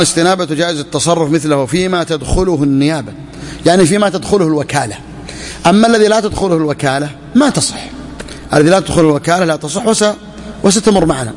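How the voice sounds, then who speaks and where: Male religious teacher, raised pitch, slow when reading the text, reverberant hall. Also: a little hiss or hum. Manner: repeats key phrases, asks and answers his own questions; slows down when quoting the text. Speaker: sheikh teaching Islamic jurisprudence. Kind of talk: classroom lecture explaining a text.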